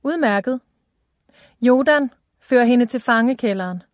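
A woman reading a storybook voicing a smug, commanding male demon king who gloats loudly. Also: a little high, dry recording, studio quality, voice pushed up, lightly acted. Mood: cold.

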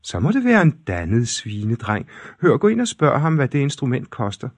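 A man doing a high, haughty spoiled princess. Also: wildly swooping pitch, no echo. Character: spoiled vain young princess.

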